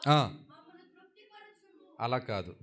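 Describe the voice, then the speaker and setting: A man pastor preaching a sermon, calling out to the congregation for answers and repeating key phrases. He drops to quiet low asides and then rises to loud, high-pitched proclamation, at times mimicking people's prayers. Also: animated, extremely slow. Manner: exhorting, calls for replies from the congregation.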